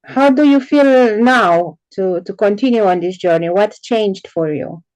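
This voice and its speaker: A woman with a mellow, warm tone asks her guest curious questions in a casual interview. She speaks in a measured way and pauses often between phrases. Her voice sounds dry and close, with little room sound. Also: mid-range voice, no echo, dull audio.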